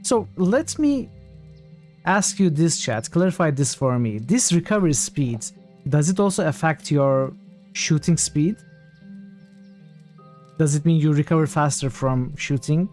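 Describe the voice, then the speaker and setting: A man's voice: fairly high pitch, expressive, unhurried, pauses often, darkish tone, faint music behind. A man doing casual live game commentary, thinking aloud and putting questions to his chat. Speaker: game streamer.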